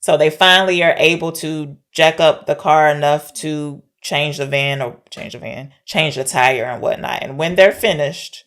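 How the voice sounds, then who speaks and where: Her voice sits low and fairly bright as she recaps a film's story for a podcast at a moderate pace, barely pausing. The co-host keeps it informal and confirms her wording with her partner.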